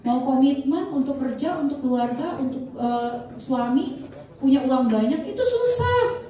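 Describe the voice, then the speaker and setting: A middle-aged woman, giving an animated sales training talk and acting out the people she quotes. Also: sits high, measured pace. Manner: animated, switches voices to act out quoted people. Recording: very echoey room, voice from far off the mic.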